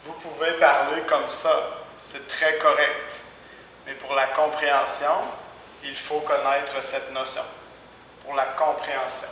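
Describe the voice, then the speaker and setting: Man, language teacher, slow deliberate delivery, repeated examples, long room echo, faint hiss. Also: mid-range voice, little pitch movement, pushed and bright. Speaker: French teacher. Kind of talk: language lesson. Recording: echoey room, voice far from mic, faint background hiss.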